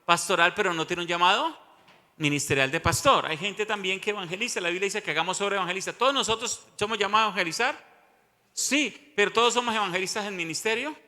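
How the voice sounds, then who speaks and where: A man's voice: high-pitched, sharp tone, in a large hall. A male pastor, teaching a sermon and often asking the congregation questions.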